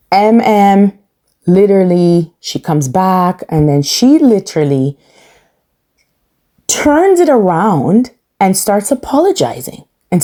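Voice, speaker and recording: A woman giving a sassy, opinionated recap of a TV episode. Her pitch swings widely as she repeats her points for emphasis. Her tone stays dark and mellow underneath. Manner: animated, sassy, emphatic repetition. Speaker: podcast host reviewing a reality show.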